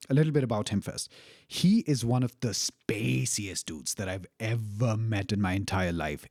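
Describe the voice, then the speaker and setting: A man's voice: mid-range voice, a little mellow, dry recording, clean studio sound. A young man casually telling a personal story, candid and profane, laughing now and then. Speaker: storyteller recounting a travel experience.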